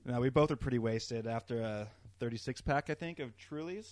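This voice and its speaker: A man's voice: mid-range voice, a little fast, no echo. A man in casual conversation, blunt and sweary, talking in bro-like slang. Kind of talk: casual chat.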